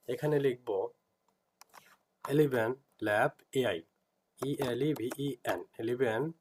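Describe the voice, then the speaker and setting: In an informal software tutorial, a man with a Bangladeshi accent walks through each step, repeating himself as he teaches. His voice sits in the mid range, and the recording carries a little hiss or hum.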